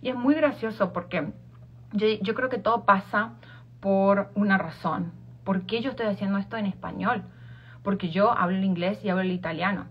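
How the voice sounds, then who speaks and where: A woman's voice: mid-range voice, moderate pace, slightly rough. A woman with an Argentine accent, a life coach giving an informal motivational talk, repeating herself and restarting phrases. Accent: Argentine Spanish. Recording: dull lo-fi sound.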